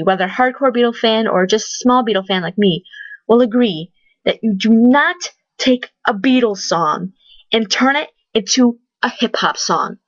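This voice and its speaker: A woman's voice: on the high side, no echo, highs cut off. A woman giving a casual, opinionated spoken review, blunt and chatty, with lots of fillers and restarts. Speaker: vlogger reviewing a TV talent show.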